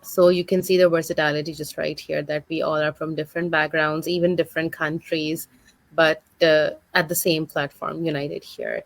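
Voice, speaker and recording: A woman in her thirties from Pakistan speaks in a deep, level voice at normal speed, with no echo. A digital business mentor appearing as a guest on a video call interview, she tells her personal story in a friendly, fluent manner, using many filler uhs.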